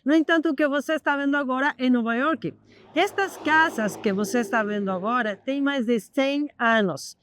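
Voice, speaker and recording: A woman's voice: high voice, normal speed, a bit bright, slight background noise. A woman opening a news show in a questioning, inviting manner. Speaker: news host. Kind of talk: scripted show intro.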